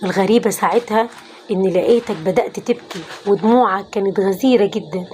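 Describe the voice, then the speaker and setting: A woman's voice: medium pitch, fast, a little mellow, a little hiss or hum, natural voice. A woman voicing a repentant middle-aged former thief who confesses in an Egyptian accent, in a pleading tone. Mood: remorseful. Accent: Egyptian Arabic.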